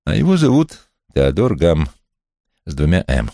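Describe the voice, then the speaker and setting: Guy doing a calm helpful husband, real low and gravelly, dry. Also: unhurried, dry recording, full character voice.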